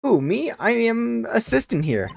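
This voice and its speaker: A man voicing a shrill, nervous male studio assistant who stammers and blurts things out loudly. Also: sing-song, unhurried, creaky, heavily acted. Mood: flustered. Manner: flustered, stammering, loud.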